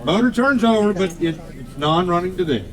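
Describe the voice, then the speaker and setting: A man's voice: high-pitched, lively intonation, brisk, a bit bright. A man working as an auctioneer, calling bids in a repetitive chant with folksy asides to the bidders, at a live farm equipment auction. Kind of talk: rapid-fire auction chant. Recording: busy crowd behind live auction calling.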